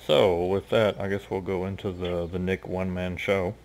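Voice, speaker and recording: A man narrating as game master of a tabletop game in a relaxed, hesitant way, with many fillers. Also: sits low, moderate pace, slight background noise.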